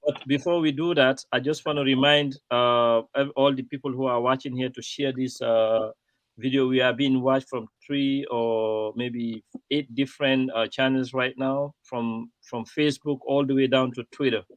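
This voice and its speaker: A man hosting a live-streamed talk show, speaking in a rambling, halting way full of fillers. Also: medium pitch, fairly even intonation, no echo.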